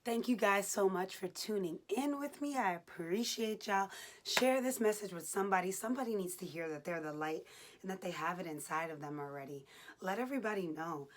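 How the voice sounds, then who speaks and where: A woman's voice: mid-range voice, animated, a little fast, slight background noise. A woman hosting a motivational faith vlog, exhorting listeners in short, punchy, colloquial phrases. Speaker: host of a faith and fitness challenge. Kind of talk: casual motivational devotional vlog.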